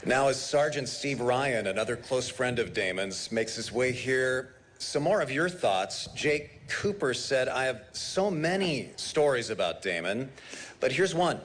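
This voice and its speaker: A man with a lively, expressive voice hosts a live radio broadcast, reading listener stories aloud between speakers. A faint hiss of noise sits under his voice. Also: medium pitch. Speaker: radio host.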